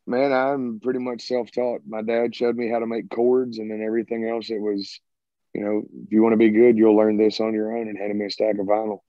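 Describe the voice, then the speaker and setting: A rock band's singer and guitarist, a Southern American man in his thirties, answers interview questions casually and ramblingly over a video call from home beside a sided wall. His lowish voice is level and fairly quick, heard through earbuds as muffled, dry audio with no room sound.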